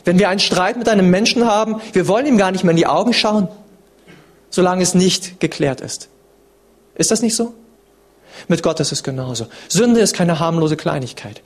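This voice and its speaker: A man preaching a sermon in an earnest, dramatic way, swinging between emphatic lines and hushed ones. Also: high-pitched, expressive, normal speed.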